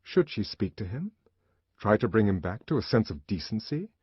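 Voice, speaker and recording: A man narrating a literary novel in a dramatic, expressive reading. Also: fairly low pitch, moderate pace, husky, no room sound. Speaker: audiobook narrator. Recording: dull lo-fi audiobook recording.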